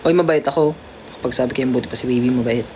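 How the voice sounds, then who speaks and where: A livestream host chatting casually to viewers about a pet cat, at times slipping into a high coaxing baby voice for the cat. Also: quick pace, dark tone, a little hiss or hum. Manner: chatty, keeps addressing viewers.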